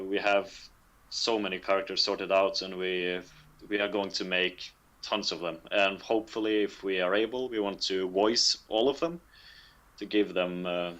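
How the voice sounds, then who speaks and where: Low-voiced man, halting and thoughtful. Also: little pitch movement, a bit bright. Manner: halting, many fillers, laughs often. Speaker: game developer.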